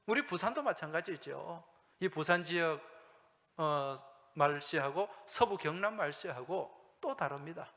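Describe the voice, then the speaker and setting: A male pastor preaching a sermon, asking the congregation questions and answering them himself, swinging between loud emphasis and hushed asides. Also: a little high, animated, a little slow. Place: church sanctuary. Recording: long hall reverb from a church.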